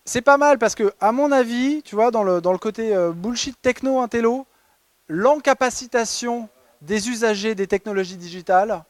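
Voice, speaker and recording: A man's voice: very high-pitched, moderate pace, no echo. A man presenting a humorous award talk at a conference, ironic and chatty with many fillers and restarts. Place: conference hall.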